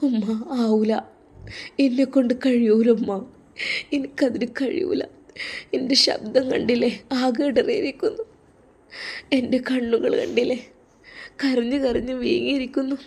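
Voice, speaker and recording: A woman voicing a frightened young married woman who is crying, pleading softly and brokenly in a Malappuram Malayalam accent, in an audio drama. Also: a little high, measured pace, pauses often. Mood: tearful. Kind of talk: audio drama role-play.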